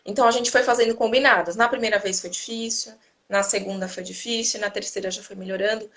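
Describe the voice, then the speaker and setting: A woman hosting a casual chat, a mother telling lively stories and acting out what people say, over a video call. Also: mid-range voice, fast talker. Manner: animated, acts out quotes while telling stories. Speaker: host; mother of a toddler.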